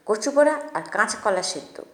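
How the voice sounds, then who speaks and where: A woman's voice: a little high, lively intonation, normal speed, roomy sound, close to an everyday voice. A woman voicing a grumpy, stingy older male hotel manager who blusters and scolds. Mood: blustering.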